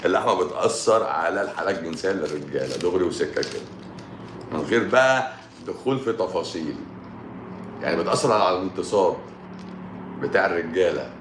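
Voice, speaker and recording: A man with an Egyptian Arabic accent hosting a casual livestream, reading viewer comments, joking, chuckling and repeating his phrases. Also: low-pitched. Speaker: live-stream host answering viewer comments. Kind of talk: casual live-stream chat. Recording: echoey room with background noise.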